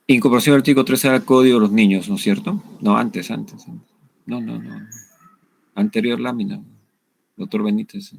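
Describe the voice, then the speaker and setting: A man's voice: on the low side, fairly even intonation, moderate pace, vocal fry, pauses often, slight background noise. A man giving a law lecture over slides, in a conversational way that keeps asking "¿no?". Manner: conversational, asks "¿no?" and "¿no es cierto?" often.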